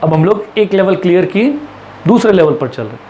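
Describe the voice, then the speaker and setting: A man teaching English pronunciation in a classroom-style lesson, with an Indian English accent, asking rhetorical questions and drawing out the example words slowly. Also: high voice, expressive, darkish tone, dull audio, a little hiss or hum. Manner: slow drawn-out English examples, brisk Hindi explanations, lots of rhetorical questions.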